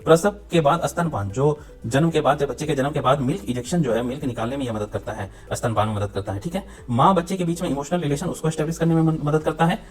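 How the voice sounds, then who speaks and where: A man teaches a biology lesson for exam students, speaking Hindi laced with English terms. He talks fast in a fairly high voice, repeats key points, and keeps checking that the class is following. Faint music plays behind him. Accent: Hindi mixed with English terms. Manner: repeats points, ends phrases with frequent checks for understanding.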